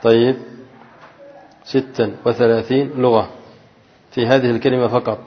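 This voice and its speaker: A man teaches grammar in a lecture hall with a long reverb tail, recorded in dull, lo-fi sound. He talks at a moderate middle pitch, prompts the class with questions, and slows right down to read quoted text. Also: flat delivery. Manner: quizzes listeners with prompting questions, then answers himself.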